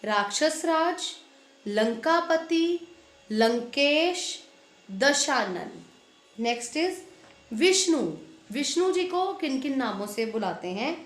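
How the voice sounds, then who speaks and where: A woman teacher with a high voice takes her class through word lists at an unhurried pace. She stresses each word and its spelling with care. Her voice rings in an echoey room. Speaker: school Hindi teacher. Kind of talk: online class lesson.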